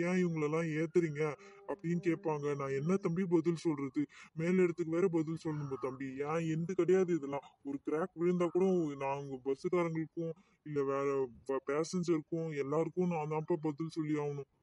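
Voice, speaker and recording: A man's voice: a little high, steady tone, a little fast, warm tone, far from the mic, lightly acted. Guy doing a grumpy middle-aged bus driver, lectures everyone, slightly raised voice, a bit off mic. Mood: worried. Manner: scolding and lecturing. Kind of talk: cartoon voice acting.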